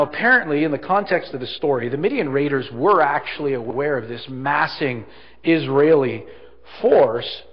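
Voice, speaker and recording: A man preaching a sermon as pastor, his voice ringing with big hall echo in a large room. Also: medium pitch. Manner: earnest preaching with strong stresses and drops. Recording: echoey hall, slightly dull sound.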